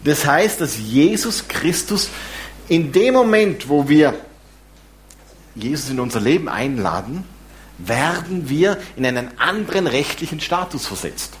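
A man preaching a sermon, lively and warm in his asides, with some self-deprecating humor. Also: on the high side, a little slow. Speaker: pastor.

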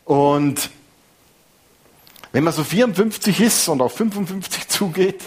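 Preacher, fifties, slightly high husky voice, conversational and lively. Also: male voice, measured pace. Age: 50s. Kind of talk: sermon.

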